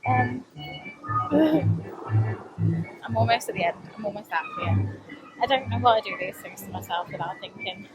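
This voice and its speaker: A woman's voice: on the high side, big pitch swings, measured pace, pauses often, rough recording. A British woman in her thirties chatting to her camera in a self-mocking, giggly way. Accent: British English. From Britain. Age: 30s. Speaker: vlogger. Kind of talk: casual vlog narration to camera. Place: outdoors in a crowded theme park. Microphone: handheld camera. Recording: loud park crowd and music behind.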